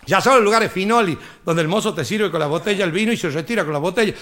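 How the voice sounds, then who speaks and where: Man, northern Argentine accent, stand-up comic, high-pitched, bright tone. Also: fast. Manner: animated storyteller, chatty asides. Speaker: stand-up comedian. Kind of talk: stand-up joke telling.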